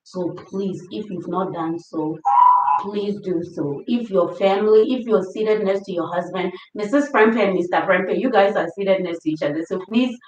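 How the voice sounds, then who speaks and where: A woman hosting a family livestream, reading viewer comments aloud and laughing often in a warm, affectionate way. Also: medium pitch, moderate pace, a little hiss or hum. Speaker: livestream host. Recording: roomy, distant, dull sound.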